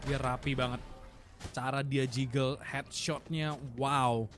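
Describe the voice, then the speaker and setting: An Indonesian man commentating an esports match like an excited game announcer, in a slangy, emphatic, analytical way. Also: medium pitch, takes it slowly, soft background music.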